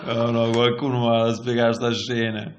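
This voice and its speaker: A man's voice: medium pitch, flat delivery, moderate pace, highs cut off. A man from Puglia with a Southern Italian Pugliese accent, giving casual, crude, mock-exasperated comic commentary in dialect. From Puglia, southern Italy. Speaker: comic commentator reacting to a TV episode. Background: TV episode dialogue and music.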